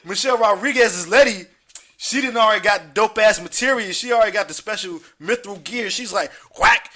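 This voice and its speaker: A man's voice: high voice, fairly quick, sharp tone. A man, hosting a casual podcast chat, talking in profane street slang and telling stories with animation. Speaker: podcast host.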